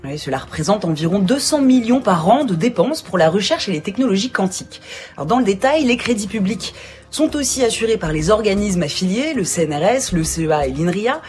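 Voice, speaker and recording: A woman's voice: medium pitch, expressive, brisk, a little mellow, soft background music. A woman delivering scripted science news briefs on the radio in a conversational way.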